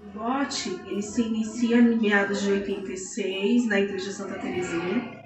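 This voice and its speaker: A woman's voice: medium pitch, fairly even intonation, normal speed. A woman recounts the origins of a community project for a documentary, in an explanatory, storytelling manner. She sounds distant in a roomy space, with music under her voice. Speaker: interviewee. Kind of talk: documentary interview.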